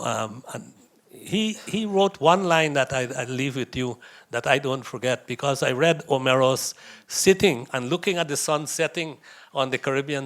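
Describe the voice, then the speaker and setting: A man's voice: on the high side, a bit bright. A man from India, giving a conversational lecture to young visitors, anecdotal with chuckles and asides.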